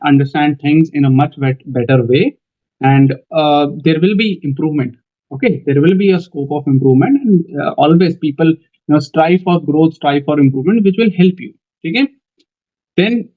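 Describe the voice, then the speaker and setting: A young man with an Indian English accent giving a coaching lecture, speaking in a calm, measured way and often repeating "okay" between points. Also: on the high side. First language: Hindi. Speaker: teacher for defence exam interviews. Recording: dull lo-fi sound.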